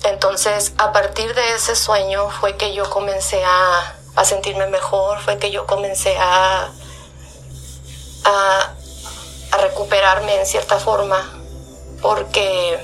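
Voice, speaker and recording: A woman, telling personal stories in a soft, heartfelt way that halts and repeats words. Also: mid-range voice, flat delivery, takes it slowly, faint music behind. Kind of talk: personal storytelling.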